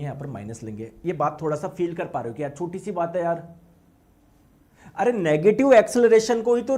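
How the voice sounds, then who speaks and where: A man with a high voice teaching a classroom physics lecture. He talks with energy, repeats words for emphasis and keeps asking his students to answer yes or no. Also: a little mellow.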